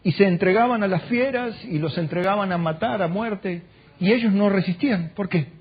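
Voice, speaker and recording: A pastor with an Argentine Spanish accent preaches a sermon in church, firing rhetorical questions at the congregation, rising to loud exclamations and dropping to soft prayer. His voice is high-pitched and slightly rough, at normal speed, and the recording has its highs cut off.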